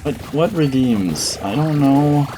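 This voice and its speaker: A man live-streaming a video game, teasing his co-host in a dry, deadpan way. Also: medium pitch, slow pace, slight background noise. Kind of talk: casual live-stream chat.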